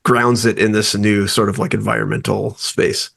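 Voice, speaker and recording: A man's voice: lowish voice, flat delivery, moderate pace, vocal fry, fairly bright tone, husky. A man co-hosting a gaming podcast, chatting casually with opinionated asides. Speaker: podcast co-host. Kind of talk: casual chat.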